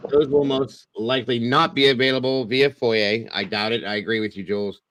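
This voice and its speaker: A man's voice: mid-range voice, level tone, a little fast, fairly bright tone, slight background noise. A man hosting a livestream in casual, rambling commentary that repeats itself, heard through a clipping, distorted microphone. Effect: clipping, distorted mic audio. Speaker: livestream host.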